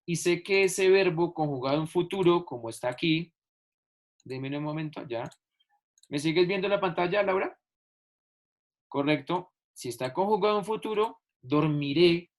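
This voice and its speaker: A male teacher whose voice sits on the high side explains a lesson at a normal speed over a video call. He patiently lengthens key words and repeats his examples for the online class.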